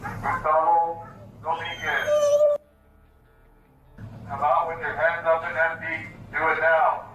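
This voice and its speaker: A police officer calling out commands to a suspect through a megaphone. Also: male voice, a little high, completely flat delivery, takes it slowly, pauses often, music in the background, poor audio.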